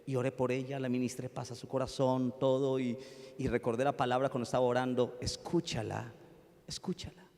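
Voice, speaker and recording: Colombian pastor preaching in a reverberant hall. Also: male voice, medium pitch, monotone, fast talker. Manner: storytelling, swings from loud pleading to hushed. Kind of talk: sermon.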